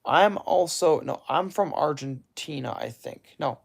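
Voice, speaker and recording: A man's voice: fairly high pitch, a little slow, creaky. A man hosting a casual livestream, rambling and correcting himself as he reacts to chat. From United States. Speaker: livestream host.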